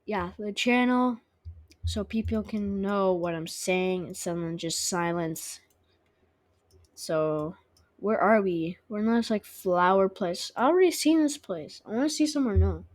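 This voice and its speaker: A woman's voice: medium pitch, measured pace. A woman hosting her own gaming channel, chatting to viewers as she plays and asking them to subscribe. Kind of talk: casual let's-play commentary. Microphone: own microphone.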